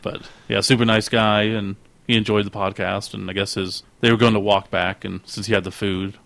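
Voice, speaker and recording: A man's voice: on the low side, level tone, normal speed, creaky, a bit bright, no echo. A man co-hosting a podcast, chatting casually and laughing often, restarting his sentences. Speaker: podcast co-host. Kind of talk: casual chat.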